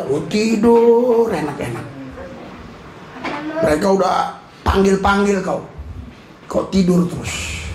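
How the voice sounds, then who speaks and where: A man preaching a lively, joking sermon as a pastor, often shouting and laughing. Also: sits high, noisy background. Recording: echoey hall with congregation.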